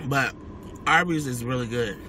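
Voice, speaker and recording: A man's voice: mid-range voice, normal speed. An American man chatting casually to viewers as he eats, chewing while he talks and humming with relish. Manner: chewing while talking, savouring hums. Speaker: mukbang vlogger. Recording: clear background noise, car ambience.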